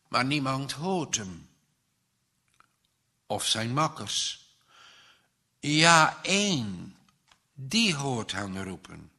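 A man reading a moral children's story aloud in a dramatic style, swelling and hushing, with a husky voice. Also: medium pitch. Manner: dramatic, with sudden swells and hushes.

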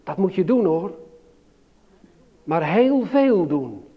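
A man giving a children's sermon, slow and emphatic, asking the listeners questions. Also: high voice, very animated, muffled recording. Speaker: preacher.

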